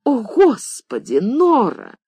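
Voiced by the audiobook reader, a wealthy lady snaps at her maid in a high, agitated voice. Her pitch swings widely between flustered and shrill. The tone is slightly husky and dry. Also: very animated, normal speed, darkish tone, no echo. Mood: indignant. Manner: flustered, then shrill and indignant.

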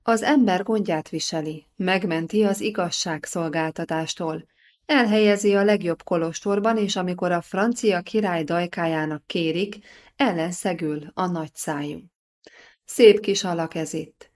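A woman's voice: fairly low pitch, close to an everyday voice. A woman reading an audiobook, voicing a bossy, scornful middle-aged noblewoman who talks down to a young mother. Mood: indignant. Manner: scolding, haughty.

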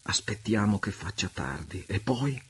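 A man's voice: lowish voice, a little slow, breathy edge, pitched above the performer's own voice, full character voice. A man reading aloud and voicing a wisecracking Portuguese pirate who coaxes and teases his friend. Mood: soothing. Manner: teasing, coaxing, lively. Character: wisecracking Portuguese pirate, loyal older-brother type.

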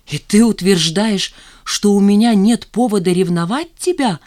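Jealous, gruff young fiancé, gloomy and reproachful, read by a woman narrator for an audiobook. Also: mid-range voice, expressive, normal speed, a little mellow, pitched above the performer's own voice, natural voice. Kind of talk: audiobook dialogue reading.

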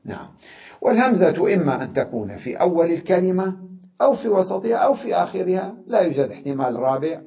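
A sheikh teaching an Arabic grammar lesson, explaining patiently, often asking "tamam?" and repeating example words slowly with drawn-out fillers. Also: male voice, high-pitched, sing-song, creaky. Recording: muffled lo-fi lecture recording.

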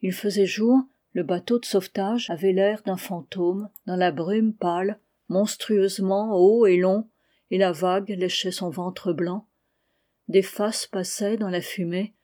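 Woman reading a novel in a mellow voice. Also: measured pace. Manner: steady reading, louder and higher for quoted cries. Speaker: audiobook reader. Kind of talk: scripted narration of a novel.

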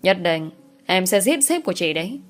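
A woman voicing a jealous young wife who speaks in sharp, quick outbursts. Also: lowish voice, big pitch swings, faint music behind. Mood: angry.

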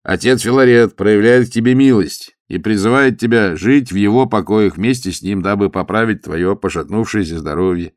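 A man's voice: fairly low pitch, normal speed, few pauses, no room sound, clean studio sound, natural voice. A man doing a pompous, preachy monk. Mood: declaiming. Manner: instructive, declaiming, churchy. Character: sturdy male monk about forty, pompous and officious.

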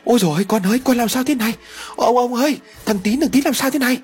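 A man voicing a fussy, quick-tempered village mother who wails and scolds. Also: medium pitch, big pitch swings, slightly rough, faint music behind. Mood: panicked. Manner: scolding, wailing, cursing.

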